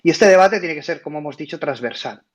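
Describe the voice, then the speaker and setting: A man's voice: on the high side, animated, fast. Hesitant man hosting a talk room. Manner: hesitant, many fillers and restarts. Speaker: host of an online audio room. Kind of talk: casual explanatory talk. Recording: muffled audio-app sound.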